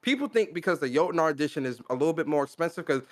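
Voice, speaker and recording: A man co-hosting a casual podcast, excitable and laughing often, repeating himself as he gets hyped. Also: a little high, very fast. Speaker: podcast co-host.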